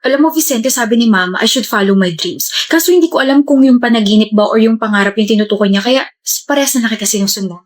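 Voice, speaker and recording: A woman's voice: on the high side, fast talker, hardly any pauses, lightly acted. A woman playing a lovesick, clingy schoolgirl. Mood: earnest. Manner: earnest, pleading, bubbly. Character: lovesick, clingy young schoolgirl chasing a boy. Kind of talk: comedy skit acting.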